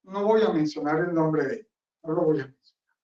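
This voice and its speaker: A man's voice: on the high side, fairly quick. A man, a friar, preaching a homily in a blunt, rambling, conversational way. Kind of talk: sermon. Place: chapel. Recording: roomy, distant, dull sound.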